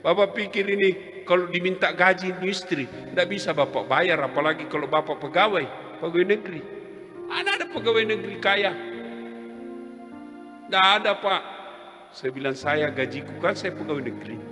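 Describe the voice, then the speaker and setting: Comic preacher, male, lively storyteller who plays his characters; live hall sound with music underneath. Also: high-pitched, moderate pace. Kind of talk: humorous sermon.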